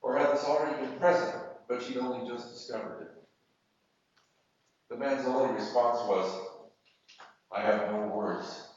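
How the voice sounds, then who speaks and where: A man reading fiction aloud at a literary event, measured and deliberate with pauses, in a university hall. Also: mid-range voice, darkish tone. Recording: echoey hall, distant mic, muffled.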